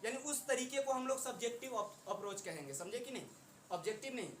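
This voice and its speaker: A man's voice: extremely high pitch, animated, fast. A male teacher gives a chatty classroom lecture. He keeps quizzing his students with rhetorical questions. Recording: roomy classroom echo, faint noise.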